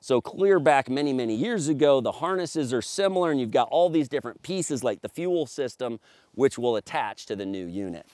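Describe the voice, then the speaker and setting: A man's voice: mid-range voice, lively intonation, a little fast, a little mellow, no room sound. A middle-aged man who deals in paramotors gives an enthusiastic product walkthrough outdoors on a grassy field, recorded by a camera on a tripod. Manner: enthusiastic, emphatic salesman. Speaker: paramotor dealer.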